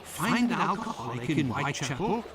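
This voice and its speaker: An actor playing an earnest, easily exasperated Victorian doctor, speaking formally and expressively in a video game. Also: male voice, fairly high pitch, moderate pace. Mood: concerned, exasperated. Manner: expressive, formal, gently reproving. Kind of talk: scripted video game dialogue. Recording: game audio with busy street crowd.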